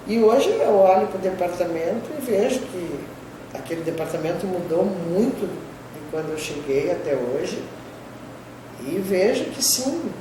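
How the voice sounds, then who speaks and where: Recalling her career for an interviewer, an older woman professor from Brazil's southern border speaks at medium pitch with a Gaúcho accent that borrows Spanish terms. Her storytelling is conversational, punctuated often by "né?". Background noise comes through clearly, picked up by a distant mic in an echoing room.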